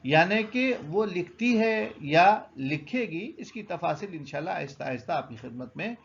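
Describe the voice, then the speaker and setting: A man teaches a grammar lesson with a gravelly, slightly raised voice. He explains step by step and answers his own questions. The recording sounds muffled and lo-fi. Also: high-pitched, animated, fairly bright tone, slight background noise.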